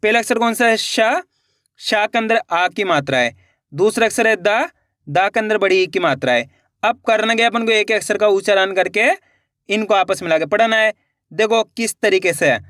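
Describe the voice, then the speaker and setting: A man's voice: high-pitched, animated, a bit bright, no echo, clean studio sound. A man teaching reading in an online lesson, sounding out syllables one by one and coaxing viewers as friends. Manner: sounds out syllables slowly, drawing out words.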